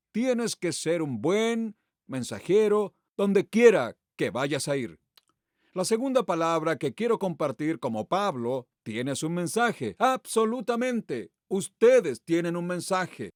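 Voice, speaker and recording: A man's voice: on the high side, a little mellow, dry recording, clean studio sound. A man preaching a sermon as pastor, asking the congregation rhetorical questions and reading Bible passages aloud with emphatic delivery.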